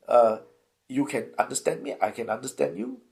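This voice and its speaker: A middle-aged man with a Singaporean accent speaks in an interview, his voice gravelly. He thinks aloud, restarting phrases and tagging points with "right?". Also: mid-range voice, big pitch swings, normal speed, darkish tone. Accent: Singaporean English. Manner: thoughtful, many restarts and rhetorical "right?". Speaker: university lecturer, interviewee. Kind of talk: reflective interview answer.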